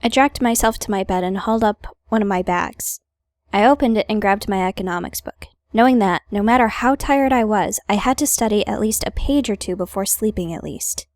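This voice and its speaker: A woman's voice: medium pitch, a little fast, darkish tone, dry recording. A woman hosting a gaming video, reading visual novel narration aloud with playful, wry casual asides.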